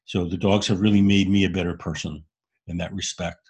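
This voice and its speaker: A man co-hosting a podcast speaks in a deep, husky voice. His tone is candid and earnest, and he lays out his views plainly in relaxed conversation. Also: brisk. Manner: candid and earnest, explains ideas frankly. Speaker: podcast co-host. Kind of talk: casual conversation.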